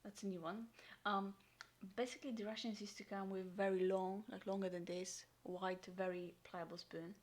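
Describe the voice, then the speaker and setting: A woman vlogger unboxing and reviewing a military ration in casual talk, full of ums and sometimes dropping into a soft whisper. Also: mid-range voice, little pitch movement, moderate pace, hardly any pauses. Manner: chatty, frequent ums, drops into soft whispers. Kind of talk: casual unboxing and taste test.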